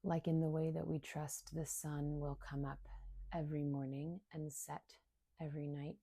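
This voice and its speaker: Speaking slowly and unhurriedly, this woman, a somatic coach guiding a meditation, keeps a low, mellow voice at a level tone, with a creaky, breathy edge and little melodic change. Her phrases are short and calming, trail off softly, and are broken by long pauses. The recording is dry.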